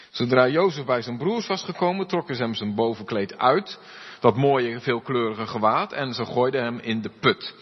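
A man, a pastor, reading Scripture aloud and then preaching, giving the characters' lines an expressive voice. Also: medium pitch, husky. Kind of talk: Bible reading and sermon. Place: church hall. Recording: dull, reverberant church recording.

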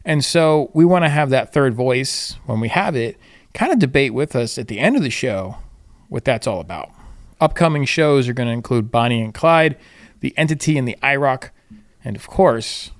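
A man's voice: mid-range voice, animated, normal speed, no echo, studio quality. A man hosting a show with casual, jokey banter and a chuckling way of talking. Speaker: podcast host.

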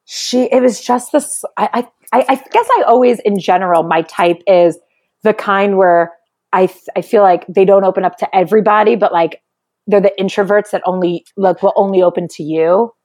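A woman with a New York accent and a raspy chain-smoker voice, chatting casually and jokingly as a comedian guest. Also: medium pitch, moderate pace, darkish tone. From Brooklyn, New York, United States. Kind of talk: casual chat.

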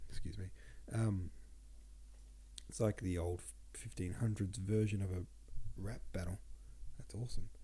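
A male podcast host with a low-pitched, unhurried voice reads old poems aloud and chats about them, sounding sniffly and congested. He delivers the verse casually with relaxed asides, over slight background noise.

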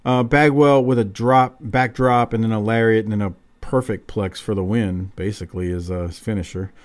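A man with a lowish voice hosts a wrestling recap podcast. He talks casually and bluntly, swearing freely. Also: steady tone, normal speed. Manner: profane, blunt. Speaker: podcast host.

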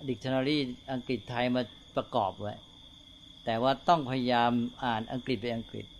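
An older male Buddhist monk giving a slow, unhurried talk to fellow monks, often checking in with tag questions. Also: medium pitch, highs cut off, slight background noise.

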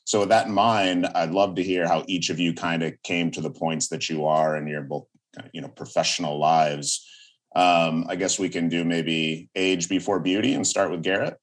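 A man's voice: low-pitched, steady tone, moderate pace. A man hosting a podcast in a casual, chatty style. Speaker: podcast host. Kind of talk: casual chat.

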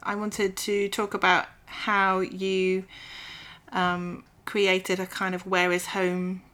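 A woman's voice: mid-range voice, completely flat delivery, slow pace, sharp tone. A woman interviewer asking questions in a casual, hesitant way with many fillers.

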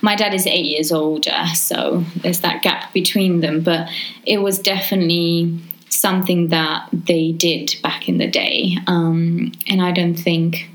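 A woman from Romania, a guest on a podcast, talking in a relaxed, agreeable way and laughing easily. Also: fairly low pitch, unhurried, low-quality recording. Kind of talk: casual podcast conversation.

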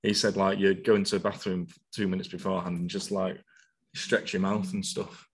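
A man chats loosely as a podcast co-host. His voice sits very low and comes out husky. He rambles, piling up fillers and restarts as he goes. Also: level tone, brisk. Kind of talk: casual podcast chat.

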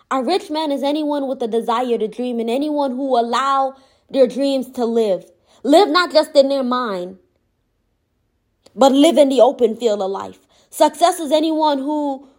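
Woman, high voice, impassioned motivational monologue, gentle but firm delivery. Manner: impassioned, repetitive emphatic phrasing.

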